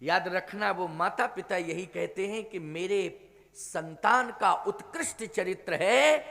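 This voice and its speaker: High-voiced preaching man in a hall. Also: slow, creaky, fairly bright tone. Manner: preaching with rhetorical questions to the audience. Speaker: spiritual teacher giving a Ramkatha discourse.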